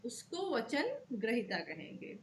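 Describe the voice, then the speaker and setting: A woman's voice: a little high, huge pitch swings, unhurried, a little hiss or hum. A woman teaching law to students, explaining step by step and checking in often with "okay" while repeating key terms.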